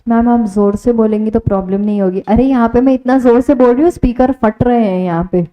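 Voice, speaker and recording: An Indian woman teaches a live online class, slipping between Hindi and English as she quizzes her students. Her voice sits a bit high. The stream sounds dull and lo-fi. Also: brisk.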